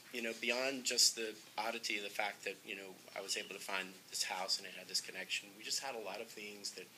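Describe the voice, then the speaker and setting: Low-voiced male director, earnest and halting, interviewed over clear background noise. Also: pushed and bright, poor audio. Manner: earnest, gets emotional, frequent ums and uhs. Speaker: film director. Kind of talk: interview, storytelling.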